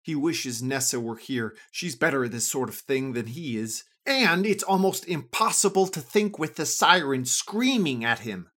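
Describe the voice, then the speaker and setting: A storyteller reading a scripted adventure story for children, with an expressive, lively delivery. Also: moderate pace, hardly any pauses. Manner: lively, expressive reading with a wide pitch range.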